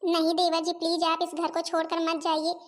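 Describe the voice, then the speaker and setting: In Hindi family comedy cartoon voice acting, a woman plays an aggrieved daughter-in-law in a very high-pitched voice, delivered completely flat at a moderate pace. The character is one of a family cartoon's weary, gossipy Indian daughters-in-law, pleading and complaining while speaking directly to relatives and viewers.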